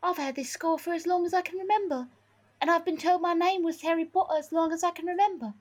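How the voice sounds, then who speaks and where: A woman reading aloud and voicing an overthinking boy wizard in a rushed way, giggling as she reads. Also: very high voice, steady tone, voice pushed up. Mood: reasoning. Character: self-assured boy wizard, overthinking everything.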